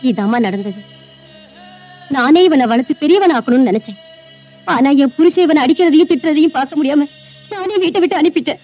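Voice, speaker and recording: An actress playing a very high, sorrowful mother. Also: fairly quick, pauses often, dark tone, muffled recording, faint music behind, lightly acted. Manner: tearful, pleading. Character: anguished poor mother sending her son away. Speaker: birth mother.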